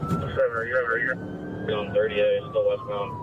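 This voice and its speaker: A man's voice: lowish voice, huge pitch swings, fairly quick. A man calling out pursuit updates over a police radio in short, clipped callouts. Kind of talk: radio dispatch calls. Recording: dull lo-fi radio with loud noise.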